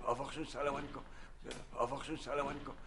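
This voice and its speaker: An actor playing a flustered middle-aged husband caught in a family feud, pleading and blustering. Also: male voice, medium pitch, little pitch movement, a bit bright, faint music behind, lightly acted. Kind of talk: TV drama acting.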